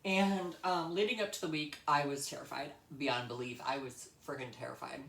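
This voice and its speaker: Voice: medium pitch, fairly even intonation, normal speed, creaky, fairly bright tone. A young adult vlogger talks in a casual, rambling storytelling style, recorded in an echoey room. The delivery is blunt and emphatic, circling back to repeat points and swearing freely.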